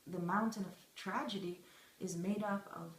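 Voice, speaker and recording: A young woman, giving thoughtful, deliberate interview answers with pauses mid-phrase. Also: mid-range voice, steady tone. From Israel, of Russian immigrant background. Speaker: interviewed journalist and film student. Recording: echoey room with faint background noise.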